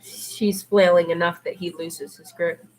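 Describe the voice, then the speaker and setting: Reading fan fiction on a noisy amateur livestream, this podfic reader and streamer speaks a little slowly in a low, darkish, flat voice. Casual asides break up the reading.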